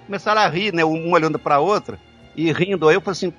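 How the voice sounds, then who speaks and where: Man, voice actor, lively storytelling, raised pitch, faint music behind. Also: quick pace. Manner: animated, laughing, stammering repeats. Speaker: voice actor guest. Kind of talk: casual storytelling chat.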